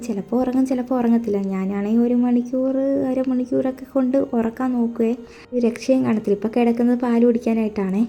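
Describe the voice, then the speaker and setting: Chatting about her day-to-day routine, this young Kerala-born homemaker and mother sounds homely and friendly, often dropping in warm tag words. Her voice is a little high and mellow.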